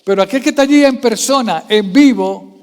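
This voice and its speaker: Preaching fairly quickly, a pastor whose voice is strikingly high keeps firing questions at his congregation, swinging from soft, low asides to loud, raised stretches. A long church-hall reverb trails off behind him.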